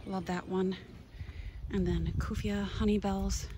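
Filming on a handheld phone, a Minnesota woman who vlogs about gardening shows off her outdoor container garden in an enthusiastic, chatty way, pointing out plants. Her mid-range voice moves slowly with little change in pitch, over a noisy background.

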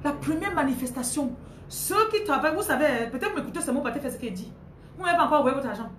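A woman with a Cameroonian French accent giving an animated, playful motivational talk about money, repeating herself for emphasis. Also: high-pitched, quick pace, reverberant, a little hiss or hum. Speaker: money and spirituality coach. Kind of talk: motivational talk with acted-out scenes.

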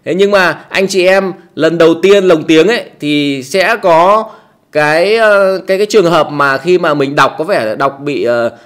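Brief: male tutorial host, slightly high voice, loose chatty delivery full of fillers, small closed room. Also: normal speed, a bit bright. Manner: chatty, many fillers and repeats, tag words at ends. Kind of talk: casual how-to tutorial.

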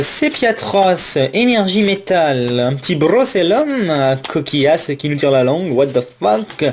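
A man hosting a casual card-opening vlog, listing card names in a running commentary and talking excitedly to his viewers. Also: a little high, a little hiss or hum. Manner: excitable, exclamatory, addresses viewers as friends.

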